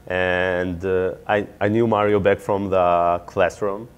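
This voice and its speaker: A young man speaks in a very deep, low voice. He answers interview questions earnestly and explains things step by step, pausing now and then on fillers. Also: little pitch movement, smooth. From Israel. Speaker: MBA student and startup founder.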